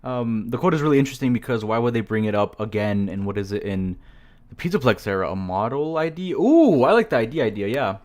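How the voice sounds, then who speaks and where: A man hosting a casual livestream from a home setup, talking into a desk mic at an ordinary middle pitch. He is chatty and quick to apologize, laughing often as he talks with his guests. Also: expressive, darkish tone. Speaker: livestream host.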